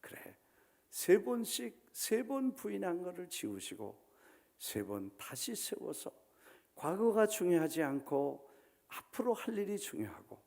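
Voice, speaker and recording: Gravelly, animated male pastor preaching. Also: on the high side. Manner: dramatic, acts out biblical quotes with swings from loud to hushed; mixes English words into Korean. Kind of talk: sermon. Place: church sanctuary.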